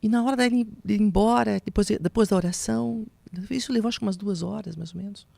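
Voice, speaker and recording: A woman telling an emotional personal testimony, slipping into soft whispers and a preaching tone. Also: medium pitch, fast, creaky, no echo. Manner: emotional, drops to soft whispers when recounting quotes; preaching tone on spiritual points. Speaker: guest giving testimony.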